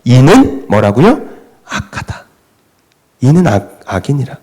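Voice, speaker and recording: A man's voice: fairly high pitch, very animated, moderate pace. A middle-aged man preaching a sermon in a church, asking the congregation questions and answering them himself. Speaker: pastor. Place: church sanctuary.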